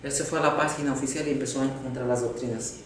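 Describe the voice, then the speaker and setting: A man preaching a sermon, telling a story with dramatic swings between loud exclamations and hushed tones. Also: medium pitch, fairly even intonation, rapid-fire, recorded from a distance. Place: large echoey church hall. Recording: very echoey hall, faint noise.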